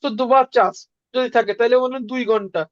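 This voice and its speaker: Higher-pitched woman drilling pronunciation. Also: fast talker, no room sound. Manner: drills sounds with repetition and quizzing questions. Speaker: language teacher. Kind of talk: beginner language lesson. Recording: dry, muffled lo-fi sound.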